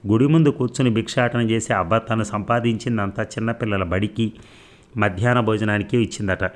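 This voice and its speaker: A man narrates a serialized novel for an audiobook. His voice sits a little low, and he reads at an even storytelling pace, now and then restarting a word. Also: a little fast.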